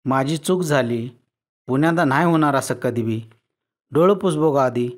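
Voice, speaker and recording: A man voicing a weary rural husband who grumbles loudly in rustic village speech but is soft-hearted underneath. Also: mid-range voice, moderate pace, close to an everyday voice. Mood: exasperated.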